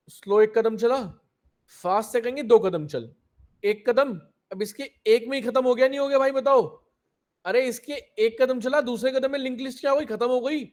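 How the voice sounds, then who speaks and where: A man's voice: extremely high pitch, a little mellow. A young man teaching a live online coding class, explaining step by step and keeping on asking his students if they understood.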